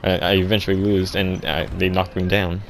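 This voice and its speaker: A young man telling an absurd comic story deadpan, rambling and halting with lots of restarts. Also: low voice, creaky, slight background noise. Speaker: vlogger.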